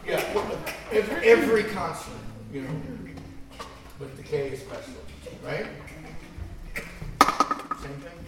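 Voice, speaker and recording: A man directing a choir rehearsal, speaking in halting phrases that often restart. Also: fairly high pitch, lively intonation, heavy background noise. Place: large echoey rehearsal room. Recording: very roomy and distant.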